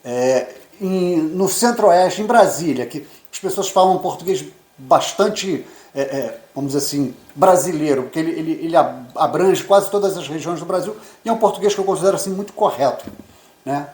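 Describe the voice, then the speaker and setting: A Brazilian man in his fifties, an immigrant journalist, co-hosts a casual chat in a slightly high, darkish voice at normal speed. He rambles and repeats words, and the room sounds echoey.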